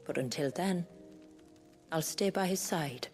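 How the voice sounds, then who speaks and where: An actress playing a proud, protective warrior chief in a video game, speaking in a solemn, deliberate way. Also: female voice, on the low side, darkish tone, lightly acted. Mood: solemn, tender. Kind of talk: dramatic video game acting. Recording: long reverb, music behind.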